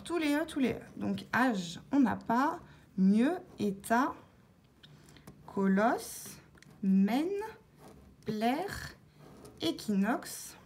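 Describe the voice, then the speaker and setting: A woman vlogger talking through her scratch-card tickets, calmly spelling out letters one by one as she checks each word, with scratching sounds behind her. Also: a little high, breathy edge. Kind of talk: casual narration while scratching tickets.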